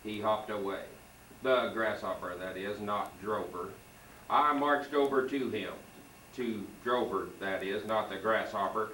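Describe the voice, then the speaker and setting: A man's voice: on the low side, a little slow, pushed and bright, slight background noise. Man, teacher at a school program, reading a story aloud, old home video tape, roomy echo, distant. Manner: reads the story and cues the student readers. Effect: old home video tape sound. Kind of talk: reading a children's book aloud with students. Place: school hall. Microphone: far camcorder mic. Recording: echoey hall taped from far off.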